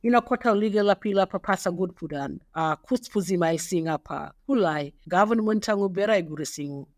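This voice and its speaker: A man narrating an explainer, reading quotes and numbered points in a steady, measured way. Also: high voice, no echo, clean studio sound. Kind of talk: read-aloud explainer narration.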